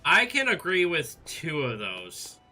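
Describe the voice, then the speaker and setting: A man in a casual gaming chat, laid-back and a little hesitant, with drawn-out fillers. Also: on the high side, wildly swooping pitch, pushed and bright. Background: faint background music.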